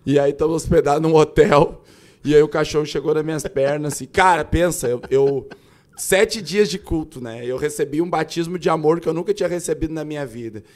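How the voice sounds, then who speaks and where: A man who is a pastor tells a personal story on a podcast. His voice sits a bit high for a man, and his delivery is animated and informal, peppered with casual filler words. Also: fairly quick. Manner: animated storyteller, often says "cara".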